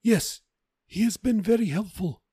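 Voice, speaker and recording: A man's voice: high voice, a little slow, dark tone, husky, no echo, studio quality, voice pushed up. A man voicing a nervous underling who placates and pleads with his master. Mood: pleading. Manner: anxious, placating.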